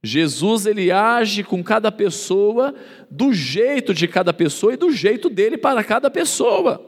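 High, lively-voiced man preaching in a reverberant hall. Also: measured pace. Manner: emphatic preaching, rhetorical questions, acts out quoted voices. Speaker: pastor. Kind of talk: sermon.

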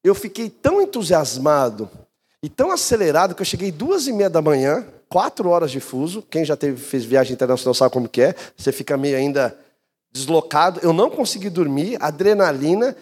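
A male pastor preaches in a sermon. His voice sits high and runs through wide, lively swings, with a husky grain to it. Long reverb from a church hall hangs on every phrase. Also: a little fast. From Brazil. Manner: animated storytelling, swings between high and low pitch.

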